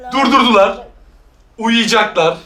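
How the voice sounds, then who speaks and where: Woman, horror reaction host, jumpy, shrieking, bright tense voice, echoey room. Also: fairly high pitch, unhurried. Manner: jumpy and excitable, shrieking and nervous laughter; talks straight to viewers. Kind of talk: reacting to a horror short film.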